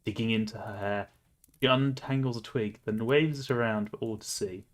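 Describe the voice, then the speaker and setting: A man's voice: fairly low pitch, normal speed. Man streamer reading a game aloud. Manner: playful, laughing asides.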